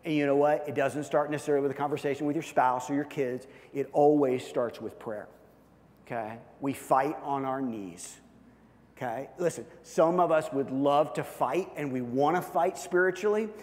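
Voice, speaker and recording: A man's voice: medium pitch, moderate pace, a little mellow. A man preaching a sermon as a pastor, emphatic, checking in with a repeated "okay?" after each point. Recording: long reverb of a large hall.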